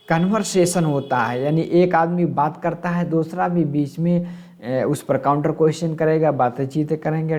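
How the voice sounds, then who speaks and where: A man's voice: a little high, a little mellow. A man teaching an exam-prep lesson, asking questions and answering them himself and glossing terms in English.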